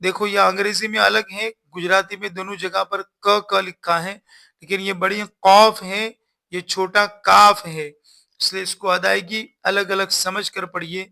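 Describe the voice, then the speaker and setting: Man teaching quran reading, fairly high voice, kinda flat, spells out each letter one at a time. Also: normal speed, vocal fry. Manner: patient, repeats instructions and sounds out letters one by one. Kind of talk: recorded lesson.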